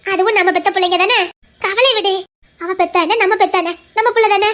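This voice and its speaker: A woman's voice: very high-pitched, steady tone, brisk, fairly bright tone. An actress playing an affectionate young village wife who reassures her family with fond chuckles, speaking with a Tirunelveli accent. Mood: reassuring. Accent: Tirunelveli Tamil. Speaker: actress in a family web drama. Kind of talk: village family drama acting.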